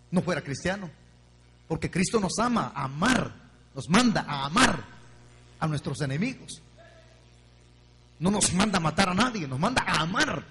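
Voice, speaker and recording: A man preaching an evangelical sermon, passionately alternating quiet asides with shouts and calling listeners brother. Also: sits high, breathy edge. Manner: impassioned, swings from quiet asides to shouted exclamations; keeps addressing listeners as "hermano". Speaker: pastor. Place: church or meeting hall. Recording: long hall reverb, faint hum.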